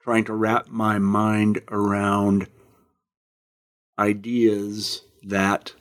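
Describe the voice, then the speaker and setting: Male podcast host, relaxed talk. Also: on the low side, very slow. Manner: relaxed, conversational, with fillers. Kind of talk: interview podcast, reading an ad then hosting.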